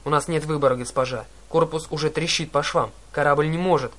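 A man voicing a grim, gruff ship captain in an audiobook. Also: fairly high pitch, fairly even intonation, brisk, fairly bright tone, lightly acted. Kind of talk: audiobook character voice.

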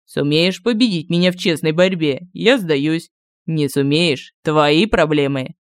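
A woman voicing Koshchei, a commanding, sly immortal sorcerer who barks his words in a low voice, in an audiobook. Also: measured pace, no room sound, clean studio sound. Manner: barking, low and forceful.

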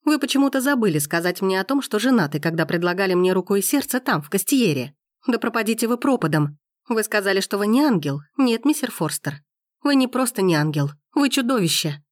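A woman's voice: medium pitch, expressive, brisk, dry recording, clean studio sound, lightly acted. A woman voicing a fiery, indignant young heroine who hurls heated, accusing exclamations. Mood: furious.

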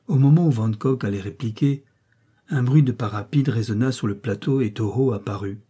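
Dark, husky-voiced male audiobook narrator. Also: medium pitch, normal speed. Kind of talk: scripted narration of an adventure novel.

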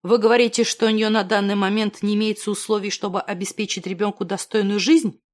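A woman reading an audiobook, voicing a determined young man who declares his love in a crisp, firm way. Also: medium pitch, level tone, fast talker, natural voice. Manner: crisp, firm, soldierly delivery. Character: determined young man, a lover proposing firmly.

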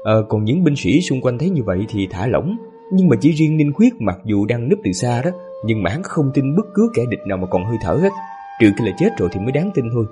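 A man with a hoarse voice narrating a serialized story as the channel host, in a relaxed, chatty way. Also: medium pitch, brisk, faint music behind. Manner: relaxed, chatty asides with fillers.

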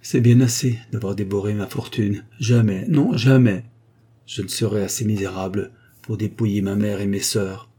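A ruined young duke, read by a man, proud and torn, his lines agitated and indignant. The tone is dark, mellow and slightly husky, the voice of a storybook reading. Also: medium pitch, normal speed, voice pushed up, natural voice.

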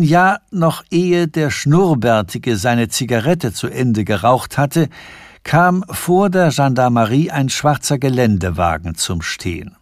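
A man narrating a literary novella in a measured, precise studio reading for radio. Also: mid-range voice, dry recording. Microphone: studio microphone.

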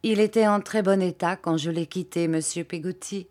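Earnest gushing schoolboy, a woman reading him in her own lowish voice. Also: fairly even intonation, normal speed, a little mellow, natural voice. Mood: admiring. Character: earnest, admiring young schoolboy.

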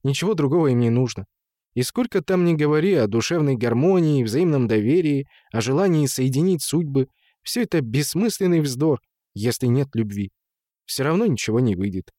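Male narrator, mid-pitched, measured literary read, dry booth. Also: lively intonation, mellow, no echo.

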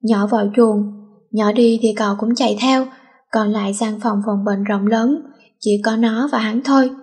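A woman reading a teen novel aloud in a steady, plain storytelling manner. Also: a little high, moderate pace.

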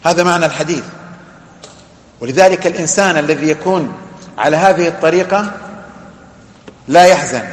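Emphatic male religious teacher in echoey hall. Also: fairly high pitch. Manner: emphatic, repeats phrases in long lists. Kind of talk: explaining a religious text in a lesson.

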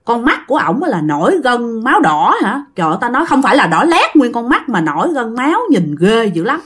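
A woman with a Southern Vietnamese accent telling a ghost story in a casual, animated way, talking straight to her listeners. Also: fairly high pitch, fairly quick, breathy edge.

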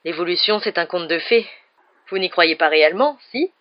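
A woman reading aloud and voicing a big, gentle, kindly man in a calm, soothing tone. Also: lowish voice, fairly quick, highs cut off, close to an everyday voice.

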